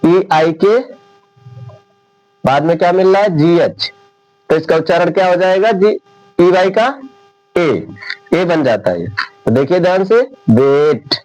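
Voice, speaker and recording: A man teaching an English lesson, talking slowly and deliberately and repeating each point. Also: a little high, expressive, darkish tone, poor audio. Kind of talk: classroom lecture.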